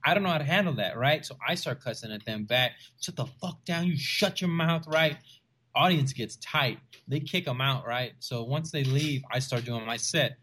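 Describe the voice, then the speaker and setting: This Rio Grande Valley comedian talks at a normal speed in a mid-range voice, with a little hiss or hum in the background. As a guest in a relaxed interview, he tells stories animatedly and performs the voices of the people he quotes.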